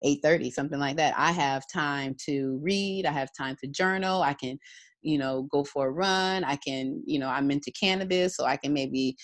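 A woman's voice: sits low, moderate pace, dry recording. A woman in her thirties, talking as an interview guest in a reflective, rambling way with many fillers. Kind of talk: casual conversation.

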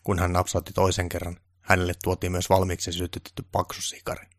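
A man reading a story aloud in calm, scripted narration. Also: sits low, no room sound, studio quality.

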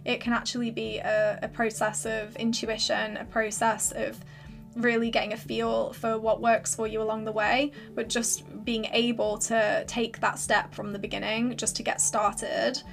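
A woman hosting a solo podcast with casual, rambling, encouraging advice, her voice slightly hoarse as if she is losing it. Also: on the high side, little pitch movement, moderate pace, faint music behind. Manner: informal, filler-heavy, rambling encouragement. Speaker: podcast host and creative business coach.

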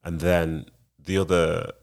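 A man's voice: low-pitched, little pitch movement, slow pace, gravelly, smooth. A young man, a retired footballer now in broadcasting, answering interview questions in a laid-back, rambling way.

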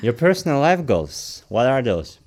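An interviewer from Latvia leads the conversation with lively questions. The voice sits at a middling pitch but leaps up on key words and short cues. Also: moderate pace.

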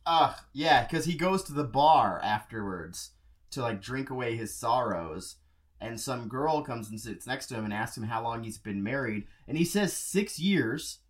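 A man's voice: mid-range voice, moderate pace. A young man co-hosting a podcast, chatting casually and jokingly about a movie and laughing often. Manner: animated, laughs often, jokey. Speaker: podcast co-host. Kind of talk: casual movie review chat.

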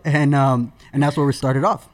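A Sudanese-born man in his thirties, appearing as a guest on an interview show, recounts how he got his podcast started. His mid-range voice moves at a normal speed, and his relaxed, conversational delivery is full of fillers and restarts.

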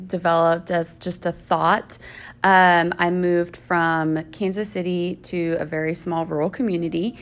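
Woman guest, business owner, lowish gravelly voice, reflective, halting with ums. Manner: reflective, with frequent ums and restarts. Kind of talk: podcast interview.

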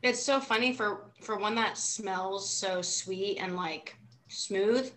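A woman's voice: mid-range voice, takes it slowly, a bit bright, rough recording. A woman co-hosting a casual podcast, rambling and laughing as she searches for words to describe a whiskey. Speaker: podcast co-host. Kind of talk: casual chat.

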